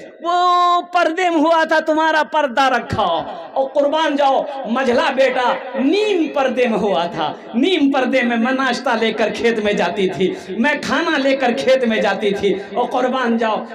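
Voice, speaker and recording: High-voiced man telling a sermon story. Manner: animated storytelling, acts out voices of characters. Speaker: preacher.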